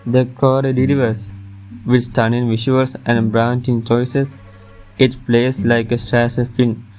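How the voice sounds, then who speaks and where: A man's voice: medium pitch, level tone, slow pace, a little mellow, poor audio. A man reading a scripted top ten countdown as its narrator, with music playing behind him. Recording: music under the voice.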